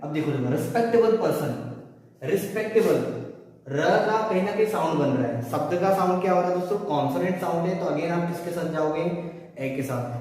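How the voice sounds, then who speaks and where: A man's voice: high-pitched, darkish tone. A man teaching an English grammar lesson, explaining step by step and asking the class questions that he answers himself. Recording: echoey room picked up from far off.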